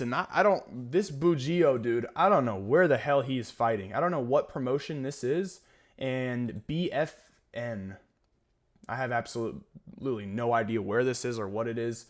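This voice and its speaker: A man's voice: mid-range voice, a bit bright. A young man hosting a solo fight-prediction video, talking casually and candidly with plenty of fillers and restarts. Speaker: MMA fight predictions host.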